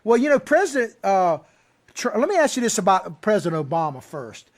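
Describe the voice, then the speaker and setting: High-pitched man with old Florida cracker accent. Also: big pitch swings, fairly quick. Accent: old Florida cracker Southern. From small-town Florida, US South. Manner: folksy, rambling. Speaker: talk show host. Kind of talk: conversational interviewing.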